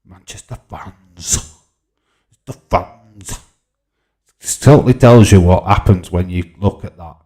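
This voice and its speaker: Low, slow and mellow, with long pauses, this Yorkshire-accented voice belongs to a man in his forties from Yorkshire, England. He's hosting a laid-back livestream, reading comments out and bantering as he responds.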